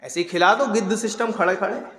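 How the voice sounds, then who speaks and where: A man delivers a sermon in a high, sharp voice, slipping from quiet talk into loud shouted exhortation. He teases his listeners with mocking asides. The recording carries the roomy echo of a large hall. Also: fast talker. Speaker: Islamic preacher. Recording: echoey hall with long reverb.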